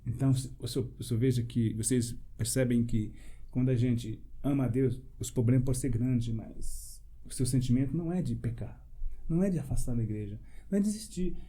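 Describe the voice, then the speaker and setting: Brisk and mellow, with a breathy edge to his mid-range voice, a pastor preaches in a panel debate. He delivers his personal testimony emphatically, asks plenty of rhetorical questions, and punctuates phrases with short laughs.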